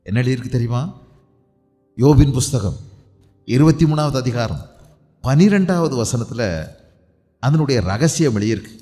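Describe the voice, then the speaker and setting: A male pastor preaching a sermon with a Tamil Nadu accent, asking rhetorical questions and swinging between loud and soft. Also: normal speed, long pauses. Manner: animated, rhetorical questions, dramatic swings in pitch and loudness. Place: church prayer hall. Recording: long hall reverb with faint music.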